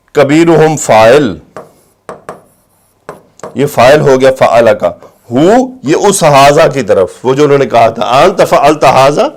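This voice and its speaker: Guy giving a quran grammar lesson, recites slow then explains, goes up high to stress stuff, medium pitch. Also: a little mellow. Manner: recites Arabic slowly, then explains in Urdu. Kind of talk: lecture on Arabic grammar and tafsir.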